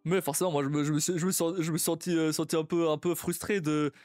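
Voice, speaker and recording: Thinking aloud in a casual live stream, a young man of Portuguese background keeps stumbling, repeating, and restarting, and often laughs. His fairly high voice has a steady, darkish tone with no echo. Soft background music plays.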